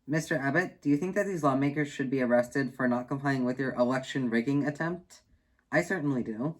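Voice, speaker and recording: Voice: mid-range voice, a little fast. A parody news anchor hosting a scripted satirical show with mock-serious sarcasm.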